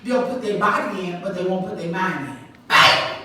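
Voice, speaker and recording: A woman's voice: fairly low pitch, a little fast, a bit bright, a little hiss or hum. A woman pastor preaching a conversational sermon, breaking into emphatic call-outs to the congregation. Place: large church sanctuary. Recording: echoey church hall from far off.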